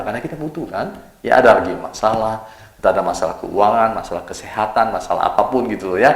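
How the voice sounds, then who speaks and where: A man's voice: on the low side, echoey room. A male pastor giving a casual, colloquial sermon, acting out people's cries and voices as he tells the story. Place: church hall.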